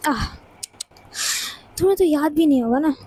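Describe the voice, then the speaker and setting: A woman's voice: high voice, animated, moderate pace, mellow, poor audio. A woman voicing a cold, bossy young woman who talks in curt, sarcastic commands. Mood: menacing.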